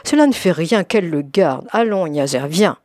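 A woman's voice: fairly low pitch, lively intonation, normal speed, a little mellow, dry recording, clean studio sound. Woman doing a brusque, dismissive mother. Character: dismissive, tall mother protecting her daughter. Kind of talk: audiobook reading.

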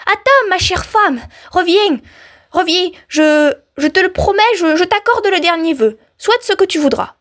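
A woman's voice: very high voice, normal speed, fairly bright tone, pitched above the performer's own voice. A woman voicing a flustered, rash peasant husband in a folk tale, stammering as he talks. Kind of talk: storytelling for radio.

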